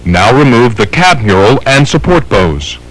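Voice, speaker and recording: A training film narrator with an American accent reads scripted instructions in a formal, methodical, step-by-step manner. His medium-pitched voice is very animated and a bit bright, delivered at a measured pace on a low-quality recording.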